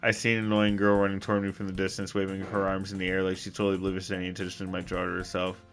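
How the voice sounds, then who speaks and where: Bright-voiced young man streaming a game. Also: sits low, completely flat delivery, racing. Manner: loud, jokey, rambling, with bursts of shouting. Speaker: let's play streamer. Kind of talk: game commentary and reading dialogue aloud. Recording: game music underneath.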